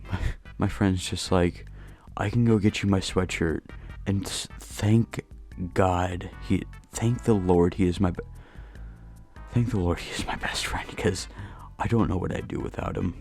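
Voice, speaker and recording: A young man telling a casual storytime, keeping his voice down in a dark room at night. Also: low voice, fairly even intonation, measured pace, faint music behind. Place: dark bedroom at home. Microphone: new home mic.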